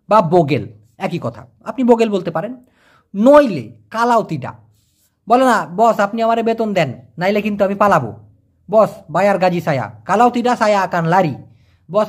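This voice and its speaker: Lively high-voiced man teaching vocabulary. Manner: explains words with repeated slow pronunciations and everyday examples. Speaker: language teacher. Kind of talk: casual vocabulary lesson.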